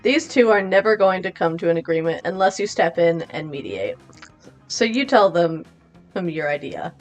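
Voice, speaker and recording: A woman's voice: fairly low pitch, moderate pace, soft background music. Playful young woman reading game text. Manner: playful, animated, reads with expression. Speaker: gamer. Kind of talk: casual gameplay chat and reading game text aloud.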